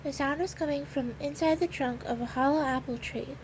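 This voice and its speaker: Woman, narrator, children's storybook, high voice, expressive, faint noise. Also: fairly quick, poor audio.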